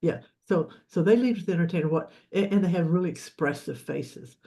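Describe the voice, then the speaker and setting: Higher-voiced man coaching on leadership. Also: a little fast, creaky, dark tone. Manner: explanatory, repeats words and restarts often. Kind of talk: live online leadership session.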